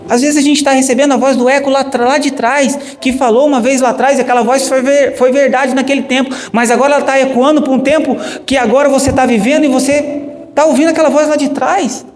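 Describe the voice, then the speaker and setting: High-voiced Brazilian pastor preaching in echoey church. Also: male voice, steady tone, quick pace. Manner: emphatic, asks the congregation questions. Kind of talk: sermon. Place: church hall. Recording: echoey church hall with long reverb and faint noise.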